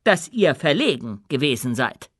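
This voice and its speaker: A man voicing a commanding dwarf queen in an audiobook, speaking with loud, proud oratory. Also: fairly high pitch, sing-song, moderate pace, slightly rough, dry recording, studio quality, heavily acted. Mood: rousing. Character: commanding dwarf queen addressing her people. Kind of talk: audiobook character voice.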